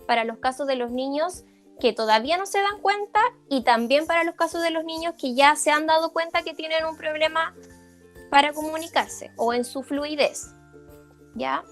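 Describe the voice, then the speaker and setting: A woman giving a parent workshop like a speech therapist, explaining in an informal lecture with frequent fillers and quick check-ins. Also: high voice. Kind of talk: informal lecture over slides.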